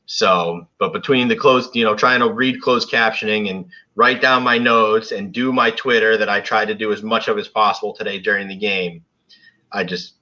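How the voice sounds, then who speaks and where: A man's voice: on the low side, fairly even intonation, moderate pace, bright, forceful tone, muffled recording. A man co-hosting a casual football reaction show, rambling with lots of restarts. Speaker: podcast co-host. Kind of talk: casual sports chat. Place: home, South Florida.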